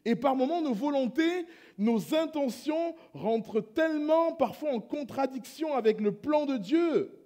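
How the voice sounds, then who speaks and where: A male pastor preaches a sermon in church, shifting between hushed, prayerful passages and loud, impassioned appeals. His voice is very high-pitched, animated and unhurried.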